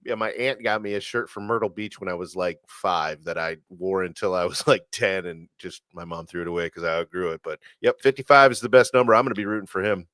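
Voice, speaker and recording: A man's voice: deep voice, fast talker, few pauses, a bit bright, no echo. Chatty, eager co-host, a man with a mid-range voice on a dry recording. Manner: enthusiastic, chatty, searches for words. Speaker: podcast co-host. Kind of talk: casual sports chat.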